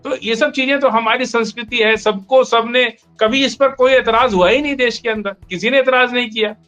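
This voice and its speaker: A man's voice: very high-pitched, fairly even intonation, normal speed, sharp tone, faint music behind. A man in a heated political discussion, arguing emphatically and cutting in on the other speaker. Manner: argumentative, emphatic, interrupts. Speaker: debate panelist.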